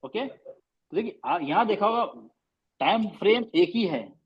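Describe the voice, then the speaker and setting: A male teacher giving an online class on recitation rules, explaining patiently and drawing out example sounds slowly and repeatedly. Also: high-pitched, lively intonation, slightly rough, highs cut off. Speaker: tajweed teacher.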